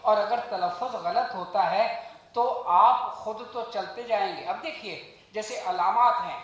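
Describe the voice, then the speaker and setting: Man, fairly high voice, measured and earnest speech at a launch event, very echoey hall. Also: fairly bright tone. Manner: measured, earnest, rhetorical, recites verse. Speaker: guest speaker at a book launch. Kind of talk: formal speech on language and pronunciation.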